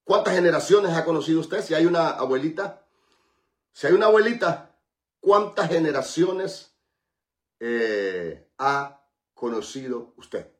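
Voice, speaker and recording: A slightly high, expressive male voice, a little slow and marked by long pauses, comes through with a roomy sound. He is a radio pastor who prays fervently and repetitively, then chats and jokes with listeners between prayers.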